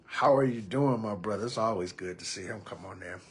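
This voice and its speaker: A man's voice: lowish voice, brisk, husky. A man in his thirties hosting a live podcast, talking casually and reading viewers' comments aloud. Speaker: podcast host. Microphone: computer or phone mic on a live stream.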